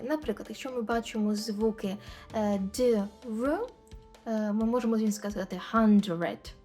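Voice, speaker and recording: Woman teacher slowly repeating practice phrases. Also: on the high side, mellow. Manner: slow and careful, repeating example phrases many times. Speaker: English teacher. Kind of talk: language lesson explaining pronunciation.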